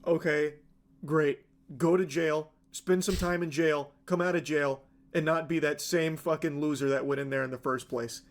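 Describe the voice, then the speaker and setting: Sarcastic young man, slightly high voice. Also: fairly even intonation, normal speed, few pauses. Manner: sarcastic, mocks pranksters in a whiny put-on tone. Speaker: co-host reacting to news clips. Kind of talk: casual commentary.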